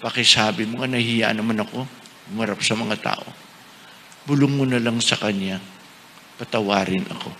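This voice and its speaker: A man's voice: on the low side, fairly even intonation, moderate pace, long pauses, sharp tone, voice pushed down. A man voicing a young woman parishioner in a story told within a sermon. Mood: remorseful. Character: young woman parishioner, touchy then remorseful. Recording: echoey hall, faint noise.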